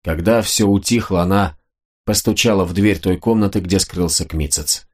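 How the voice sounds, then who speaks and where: A man narrating a historical novel as an audiobook, measured and expressive. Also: low-pitched.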